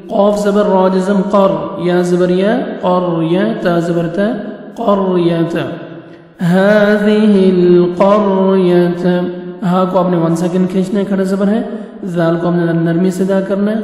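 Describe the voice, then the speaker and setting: A man from Pakistan teaching Quran reading word by word, spelling letters slowly and chanting the verses in drawn-out melodic recitation. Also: sits high, little pitch movement, mellow. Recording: very echoey with long reverb, faint music.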